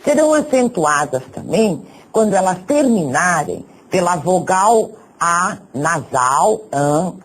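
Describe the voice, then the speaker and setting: A man teaching a recorded grammar lesson, going deliberately through examples one by one. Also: sits high, very animated, husky, rough recording.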